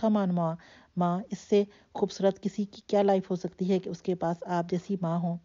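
A woman's voice: fairly low pitch, little pitch movement, dark tone, muffled recording, close to an everyday voice. A woman reading the lines of a young man who teases and soothes the aunt he loves like a mother. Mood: playful. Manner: light, playful, soothing. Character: young man, affectionate, teasing nephew.

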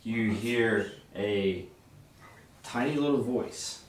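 A man narrating a tabletop game as game master, improvising in a halting way. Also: on the low side. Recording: echoey, distant mic, faint noise.

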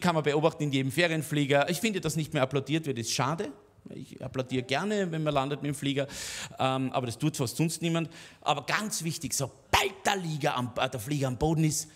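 A cabaret comedian with an Austrian accent performs a stand-up monologue, chatty and conspiratorial, tossing in frequent tag questions. His voice runs on the high side, with slight background noise.

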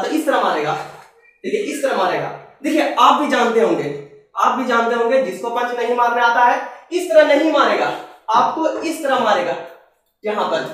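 A high-pitched male karate instructor talks his viewers through blocks in a chatty, repetitive way. His voice bounces around a very echoey room, picked up from well away from the mic. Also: a bit bright, distant mic. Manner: chatty, repeats "dekhiye" and "bhai" while demonstrating moves. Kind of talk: casual self-defense demonstration.

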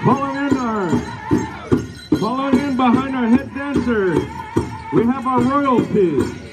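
Male powwow announcer over loud music. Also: extremely high pitch, unhurried, rough recording. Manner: ceremonial, addresses dancers directly. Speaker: powwow announcer, master of ceremonies. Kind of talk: live event announcing over drumming and singing. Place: large outdoor grass arena, picked up by spectator camera. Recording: outdoor PA behind loud music. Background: loud powwow music, jingling bells.

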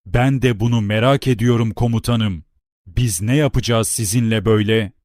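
A man's voice: on the low side, moderate pace, darkish tone, dry recording, clean studio sound, close to an everyday voice. A man voicing a cool-headed army captain. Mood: calm defiant. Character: calm, controlled male army captain, veteran officer.

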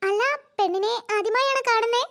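Brief: a woman playing a gossipy cartoon neighbour, very high-pitched and chatty. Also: fairly quick, a bit bright. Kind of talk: cartoon voice acting.

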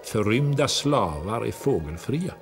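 A man's voice: on the low side, sing-song, faint music behind. A man voicing a stern, domineering house. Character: the house and its things, cold, domineering.

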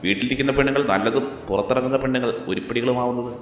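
A man's voice: fairly low pitch, a little fast, fairly bright tone, lightly acted. A man voicing a cool, defiant young man who answers with sarcastic, cutting retorts, recorded in an echoey room. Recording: echoey room with long reverb.

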